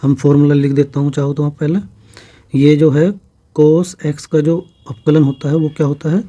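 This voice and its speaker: Male maths tutor, very warm and mellow tone, pitched a bit high; methodical, step-by-step delivery. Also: normal speed. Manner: steady step-by-step explaining with frequent "theek hai" checks. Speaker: maths teacher. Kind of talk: exam-prep maths lesson.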